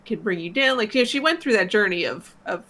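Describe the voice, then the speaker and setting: A woman's voice: mid-range voice, expressive, fast, a bit bright. A woman co-hosting a movie reaction, talking thoughtfully in a hesitant, casual way. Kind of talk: casual chat.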